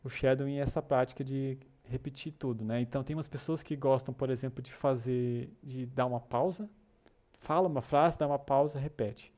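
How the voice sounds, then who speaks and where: Chatty man with a mellow voice. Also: medium pitch, fairly even intonation, brisk. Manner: chatty, encouraging, many filler tags and restarts. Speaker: English class host for a developer community. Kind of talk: casual live-stream lesson reading chat comments.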